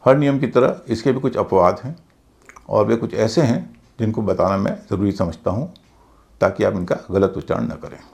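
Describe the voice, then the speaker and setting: A man's voice: fairly low pitch, normal speed, creaky, darkish tone. A male teacher giving a methodical lesson on English pronunciation, patiently spelling out words letter by letter. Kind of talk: explanatory lesson.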